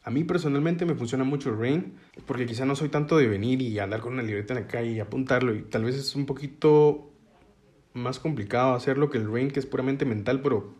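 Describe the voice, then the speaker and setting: A man talking listeners through a self-help method step by step in a relaxed, conversational way. He keeps asking whether they are following him, and he explains the ideas through simple images from daily life. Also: mid-range voice, fairly quick. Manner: conversational, checks in with listeners with frequent "ok?"; uses metaphors to explain ideas. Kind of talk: casual explanatory talk to an audience.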